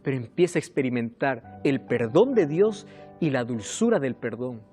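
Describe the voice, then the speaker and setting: A male pastor delivers a sermon with a voice that rises and falls widely, turning often to his listeners with pointed questions. His pitch sits in a middle register. Soft music plays faintly underneath him. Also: moderate pace. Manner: animated preaching, addresses listeners with direct questions.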